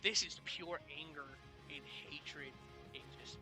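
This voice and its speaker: A man's voice: a little high, measured pace, bright, forceful tone. A man chatting casually as a player in a tabletop role-playing game. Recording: music in the background.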